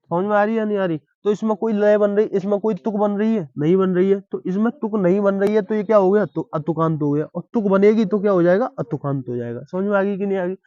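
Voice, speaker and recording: A man's voice: sits high, fast talker, hardly any pauses, dark tone, dry recording, dull audio. A man teaching a lesson on verse, who explains step by step and keeps asking if the class has understood. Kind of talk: classroom-style Hindi poetry lesson.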